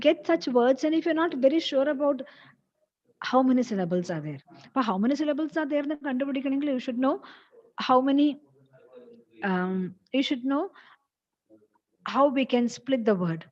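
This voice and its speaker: Malayali-accented woman, college English teacher, slow patient delivery, slightly high voice, dull lo-fi audio. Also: darkish tone. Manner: explains patiently, repeats example words, mixes English and Malayalam. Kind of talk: online lecture.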